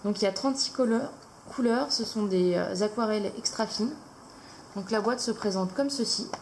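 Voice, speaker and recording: Woman, craft vlog host, casual and halting, gravelly edge, faint hiss behind. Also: mid-range voice, a little mellow, poor audio. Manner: hesitant, many fillers. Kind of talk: casual haul video.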